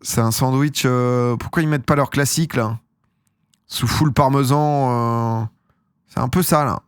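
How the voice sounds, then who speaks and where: A young man from France talks to his stream viewers in loose, rambling casual chat, full of slang and self-mocking laughs. His voice sits at an ordinary middle pitch. The sound is dry and close, with no room echo. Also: steady tone, a little slow, clear, resonant tone.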